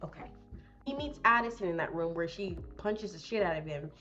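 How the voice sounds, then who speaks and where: A woman's voice: lowish voice, animated, sharp tone, dull audio, faint music behind. A young woman recapping a movie in a casual, rambling way, swearing freely and laughing often. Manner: profane, rambling, quick laughs.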